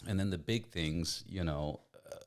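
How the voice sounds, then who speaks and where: A man hosts a podcast in a casual, animated way, dropping in loose profanity as he talks. His voice sits very deep, among the lowest for men. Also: unhurried. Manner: animated storytelling, swearing casually. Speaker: podcast host. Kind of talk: casual conversational interview.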